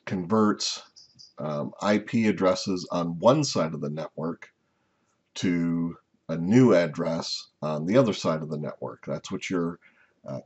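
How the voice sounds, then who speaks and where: Deep, husky-voiced man lecturing slides. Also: darkish tone, dull audio. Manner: unhurried, explanatory, frequent "uh" and "um" fillers. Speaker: instructor.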